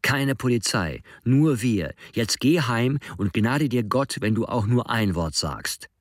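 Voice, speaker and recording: A man's voice: medium pitch, animated, slow pace, no echo, clean studio sound, pitched above the performer's own voice. A man reading an audiobook, voicing an aggressive teenage bully who talks in a scornful, threatening way.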